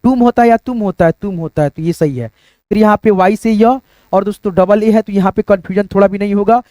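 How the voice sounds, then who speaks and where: A man with a high-pitched voice teaches a casual lesson, walking through each letter and word one at a time. He keeps calling his listeners friends as he explains. The recording is dry and close. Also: a little fast, warm tone, no room sound.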